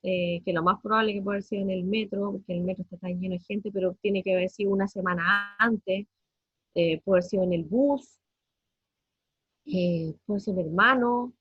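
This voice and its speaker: A Chilean woman in her thirties recounts her family's ordeal in a husky, slightly breathy voice, repeating words and hesitating often. The sound is dry and close, with a dull, muffled top end. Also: medium pitch, fairly even intonation, no room sound. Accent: Chilean Spanish. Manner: halting, many fillers and repetitions, voice breaking with distress. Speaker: parent giving a family testimony. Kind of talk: emotional personal testimony.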